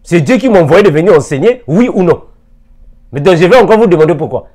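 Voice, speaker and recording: Sitting in an armchair indoors and wearing a lapel mic, a man in his forties delivers a preacher's video teaching, peppering his audience with rhetorical questions. He talks at a quick pace in a high voice that has lively intonation and a darkish tone.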